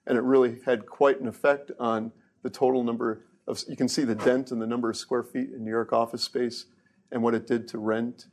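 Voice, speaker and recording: A man's voice: mid-range voice, flat delivery, a little fast, a little mellow. A middle-aged man, a research engineer, giving a casual technical lecture with joking asides and frequent restarts.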